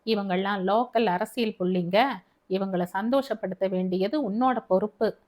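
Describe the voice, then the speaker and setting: A woman's voice: medium pitch, moderate pace, a little mellow, lightly acted. Woman reading as a scheming cruel husband. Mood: cold commanding. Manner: shifts between cold orders and tearful sweet talk. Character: manipulative abusive young husband, scheming and false. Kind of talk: audiobook narration.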